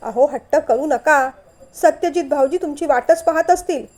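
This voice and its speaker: A woman's voice: sits high, normal speed, a little mellow, lightly acted. A woman voicing a chatty, complaining middle-aged woman in a storybook reading. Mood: fussy.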